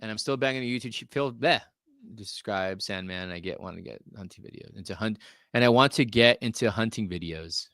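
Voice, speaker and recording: This is a man in his forties hosting a casual live-streamed podcast about collectibles. His voice is bright and forceful, and he jokes easily while reading viewer comments aloud. The sound is dry and close to the mic. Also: fairly low pitch, fairly quick, dry recording. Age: 40s. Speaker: podcast host.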